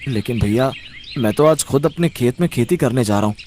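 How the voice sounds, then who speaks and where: A man's voice: mid-range voice, animated, a little fast, slight background noise, voice pushed down, natural voice. A man voicing a meek, kind-hearted young farmer in a cartoon story, timid and hesitant. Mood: timid pleading. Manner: timid, soft-spoken, hesitant. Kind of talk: cartoon voice acting.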